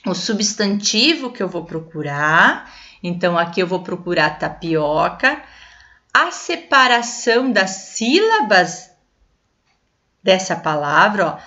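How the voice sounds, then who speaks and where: A Brazilian woman teaches children in a bright, forceful voice that rises and falls with lively animation. She explains patiently, checking often that her young listeners follow along. The recording sounds muffled and lo-fi. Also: lowish voice, slow pace. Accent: Brazilian Portuguese. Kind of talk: classroom lesson for children.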